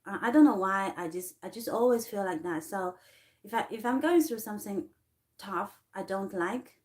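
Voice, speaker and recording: A woman with a Chinese accent, a non-native English speaker, telling her life story in a personal vlog, halting and full of fillers and restarts. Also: mid-range voice, darkish tone. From China. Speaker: artist vlogger.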